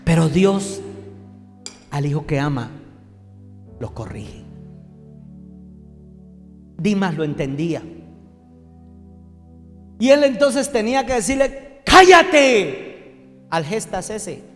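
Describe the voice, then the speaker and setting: High-voiced Colombian pastor preaching in an echoey hall. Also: male voice. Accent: Colombian Spanish. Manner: animated preaching with acted-out joke voices and shouts. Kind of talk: sermon. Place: church.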